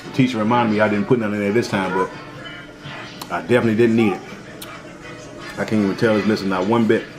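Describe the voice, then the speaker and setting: A man's voice: on the low side, fairly even intonation, fast talker, long pauses, music in the background. A man hosting an eating show, chatting casually with viewers as he chews and savors his food between words. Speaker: mukbang host.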